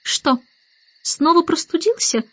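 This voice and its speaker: A woman reading an audiobook and voicing a haughty, sharp-tongued nanny who speaks in a clipped, disdainful way. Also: extremely high pitch, expressive, takes it slowly, no room sound, highs cut off, pitched above the performer's own voice, full character voice.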